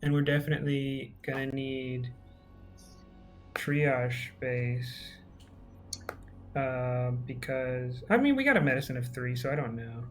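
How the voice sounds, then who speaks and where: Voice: medium pitch, expressive, takes it slowly, pauses often, faint music behind. A player in a tabletop role-playing game, talking through plans hesitantly with many fillers.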